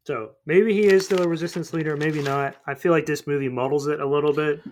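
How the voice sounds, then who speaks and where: Brief: man, fairly high voice, casual co-host, rambling and filler-heavy. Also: steady tone, fast, slight background noise. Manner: rambling, thinks aloud with many fillers. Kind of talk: casual chat about a movie.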